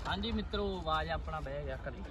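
High-voiced Punjabi man calling a pigeon. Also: fast. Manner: calls a pigeon with long repeated shouts. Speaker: vlogger. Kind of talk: casual outdoor vlog. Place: outdoors in fields, on a motorcycle.

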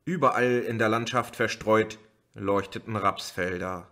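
A man reading a novel aloud as an audiobook in a slow, measured way. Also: on the low side, steady tone, a bit bright. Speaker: audiobook reader. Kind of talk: audiobook narration.

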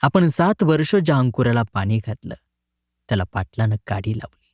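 A man narrating a short story in a dramatic, expressive reading. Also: mid-range voice, normal speed, no echo, studio quality.

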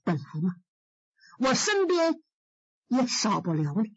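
A woman voicing a young emperor in a storytelling performance, speaking slowly in a measured, restrained way. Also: fairly high pitch, sing-song, lo-fi sound, a little hiss or hum. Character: young emperor, grieving and dignified.

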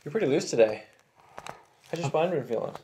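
A man's voice: fairly high pitch, expressive, fairly quick, dark tone. A man around forty, a chiropractor, giving short casual replies and brief instructions as he works. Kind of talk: casual chat and brief instructions while working. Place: small chiropractic office, indoors. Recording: clearly noisy room, clicks.

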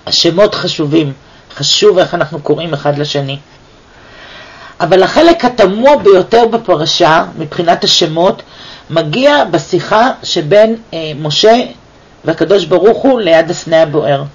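A man with a high voice teaches a Torah lesson, full of animated rhetorical questions. The recording sounds dull and lo-fi. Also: slightly rough. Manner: lively, asks many rhetorical questions. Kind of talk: weekly Torah portion lesson.

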